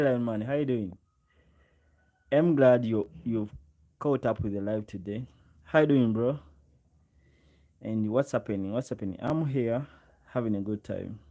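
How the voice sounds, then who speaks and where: This live streamer, a man in his twenties with a Ugandan accent, keeps things casual as he goes through comments, addressing viewers directly and repeating phrases often. He speaks at medium pitch with a dark tone.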